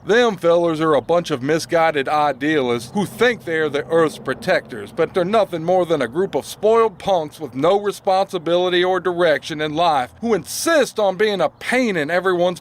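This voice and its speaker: A man's voice: on the high side, slight background noise. A folksy small-town lawman, played by a man, drawls along in a slightly raised voice, spinning flowery similes. He sounds rooted in a sleepy rural town in an audio drama. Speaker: former lawman character.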